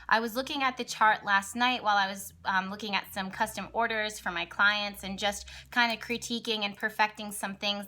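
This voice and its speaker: A young adult woman who hosts an astrology video channel talks casually to camera about astrology, excited and rambling with many fillers and restarts. She has partly lost her voice, so her mid-range voice is hoarse and raspy today and cracks at times.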